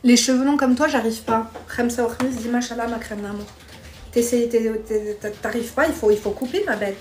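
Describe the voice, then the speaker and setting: A woman's voice: on the high side, brisk, slight background noise. A woman hosting a live stream, chatting bluntly with viewers, reading their comments and giving dating advice while calling them pet names.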